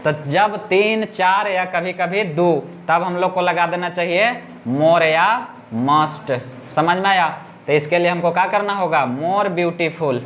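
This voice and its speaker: A male teacher, teaching grammar in class, repeating words slowly and often asking his students whether they understood. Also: high-pitched, fairly bright tone, a little hiss or hum.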